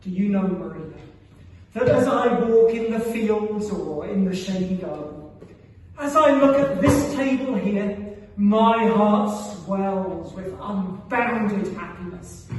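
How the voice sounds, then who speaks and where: A meek, cheerful landowner in a stage play, read from a script by a man, speaks in a high male voice with slow, flowery, deferential phrasing. It sounds distant in a reverberant hall. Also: expressive, darkish tone. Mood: rapturous. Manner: effusive, flowery. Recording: echoey hall from far off, faint noise.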